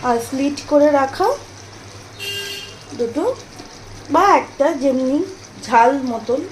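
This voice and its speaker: A woman's voice: high-pitched, slow pace, a little mellow. A woman in her thirties with a Bengali accent, chatting through a home cooking vlog step by step. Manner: chatty, explaining step by step to viewers. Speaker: vlogger. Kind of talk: casual cooking vlog narration. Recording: noisy home video with clear background noise.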